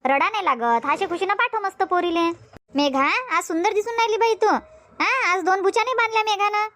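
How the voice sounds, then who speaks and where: A woman's voice: extremely high pitch, a little fast, fairly bright tone. A woman voicing a chatty village aunt in a cartoon, with a Varhadi Marathi accent and a soothing, gossipy way of talking. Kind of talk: cartoon comedy voice acting.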